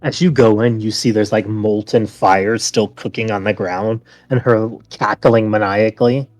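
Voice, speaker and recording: Low-voiced man running a tabletop game. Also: fairly even intonation, moderate pace, darkish tone, dry recording. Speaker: game master. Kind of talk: narrating a tabletop role-playing game, casual. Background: background music.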